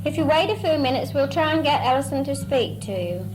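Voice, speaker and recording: A woman's voice: sits high, expressive, fairly quick. A woman speaking a greeting to relatives into a tape recorder. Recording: noisy amateur home tape.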